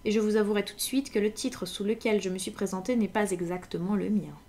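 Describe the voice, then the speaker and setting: A woman's voice: mid-range voice, steady tone, fast, mellow, a little hiss or hum, close to an everyday voice. A woman reading aloud in French, voicing a stern, secretive nobleman in a formal tone, in her own plain voice. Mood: grave. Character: imposing, secretive masked nobleman, stern and grave.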